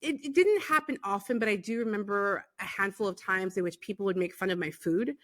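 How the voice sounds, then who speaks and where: A woman's voice: medium pitch, a little fast. A woman from Los Angeles hosting a podcast, affirming her guest often with mm-hmms and enthusiastic replies. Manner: warm, affirming, frequent mm-hmms. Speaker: podcast host. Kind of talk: casual interview chat.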